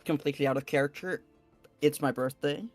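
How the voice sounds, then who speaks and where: A man's voice: fairly high pitch, fairly even intonation, brisk, darkish tone, soft background music. A man chatting casually as a player in a tabletop role-playing game.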